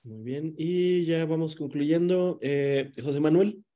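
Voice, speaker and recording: A man in his forties hosting an online journalism workshop from a room at home, speaking in a measured way with many hesitations. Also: on the high side, dark tone, highs cut off. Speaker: workshop moderator. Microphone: video call.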